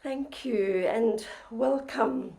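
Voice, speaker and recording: Slow, slightly croaky older woman teaching meditation. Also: on the high side. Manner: gentle, measured, heartfelt. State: croaky from flu. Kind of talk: reflective dharma talk.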